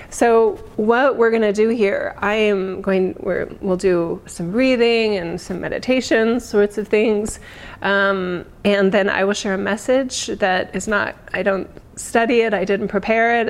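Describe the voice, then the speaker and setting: A woman speaking as a spiritual guide in a conversational, reflective way, with halting, unscripted phrasing. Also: mid-range voice, fairly even intonation. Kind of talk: informal spiritual talk.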